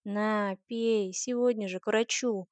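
A weary young man scolds with tired sternness, as a woman narrator puts him on. The voice is close and dry, in the reader's middle pitch. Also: steady tone, slow, no echo, natural voice. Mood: scolding.

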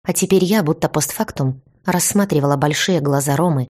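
A woman reads a first-person story aloud in a low voice. Her storytelling is steady and even, with the measured pace of audiobook narration.

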